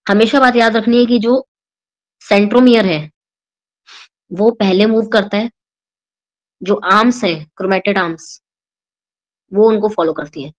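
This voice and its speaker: A woman's voice: medium pitch, rough recording. Indian woman teaching biology, checking in often. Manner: explains slowly, checks in with "ठीक है?" and "right?" after each point. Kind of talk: exam-prep lesson, mixing Hindi and English.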